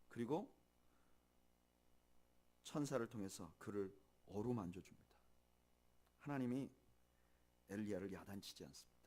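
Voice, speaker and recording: A man preaching a sermon as pastor, swinging from loud, emphatic lines to soft, hushed ones, and slowing down to read scripture aloud. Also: fairly low pitch. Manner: slow measured reading of scripture with the congregation. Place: church sanctuary.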